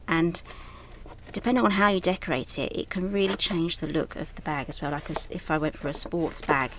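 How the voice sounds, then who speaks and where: Presenting her latest craft designs in a relaxed launch showcase, this designer talks in a chatty, eager, wandering way. She was born in Yorkshire but comes from southern England, and her low voice has a fairly bright tone over slight background noise.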